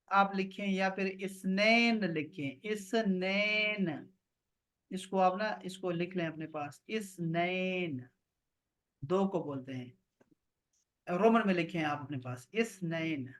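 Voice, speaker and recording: A man teaching an online Arabic grammar class over a video call, explaining and slowly repeating words for his students. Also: high voice, fairly bright tone.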